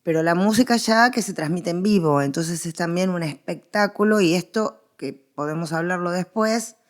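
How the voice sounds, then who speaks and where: Speaking at a moderate pace in a lowish voice, an Argentine woman serves as a guest expert in a conversational interview. Her historical explanations lean on emphatic, repeated phrasing.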